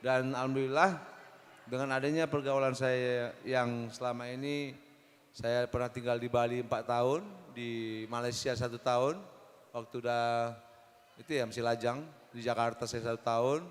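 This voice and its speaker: A man in his forties, a guest on a talk show, speaking in a relaxed way with jokes and rambling turns. His voice sits mid-pitch and carries a long hall reverb. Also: normal speed. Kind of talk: casual talk show conversation. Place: mosque hall.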